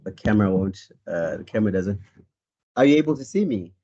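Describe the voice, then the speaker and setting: A Cape Town man with a South African accent, working as a life coach and guest speaker, introduces himself in an online presentation, often saying "um" and correcting himself. His fairly low voice is warm and animated, moving a little quickly. The video call audio is muffled, with slight background noise.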